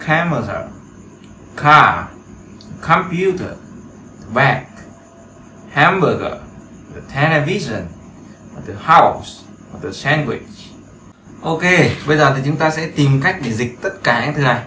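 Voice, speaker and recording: A man gives a relaxed beginner lesson, repeating words and phrases and asking his students to agree. His voice sits at an ordinary pitch. The room is echoey, with a faint hum of background noise. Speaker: English teacher. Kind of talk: casual screen-share lesson.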